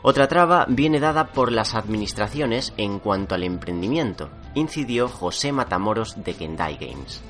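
A male reporter reads a scripted news piece in a measured, formal way. His voice sits fairly low. Faint music plays underneath. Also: animated, fairly bright tone.

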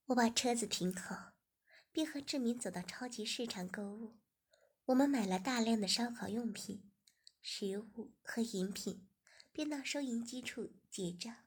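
A woman narrating a story in a plain, steady reading manner. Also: fairly high pitch, slightly rough.

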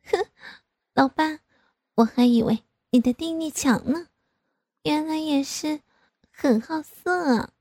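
A woman doing a coy, wheedling young mother, lifted high. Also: slow, pauses often, a little mellow, no echo, studio quality. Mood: playful. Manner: coy, wheedling, sing-song.

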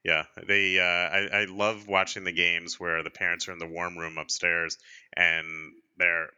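A man's voice: low-pitched, little pitch movement, unhurried, sharp tone, clean tone, no echo, dull audio. A man hosting a casual skating talk show, speaking with many fillers and restarts. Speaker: podcast host. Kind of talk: casual chat.

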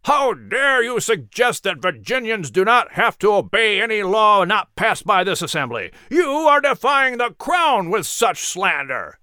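Narrator doing furious old lawmakers, bright sharp voice, swoops up and down. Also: male voice, high voice, big pitch swings, a little slow, few pauses, clean tone, no echo, studio quality, pitched above the performer's own voice, heavily acted. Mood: outraged. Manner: indignant, shouting. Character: angry old-guard colonial lawmakers, shouting men.

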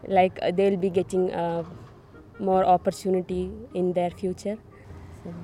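A nurse from Kerala in India answering interview questions hesitantly, with many pauses and fillers. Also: female voice, lowish voice, flat delivery, mellow.

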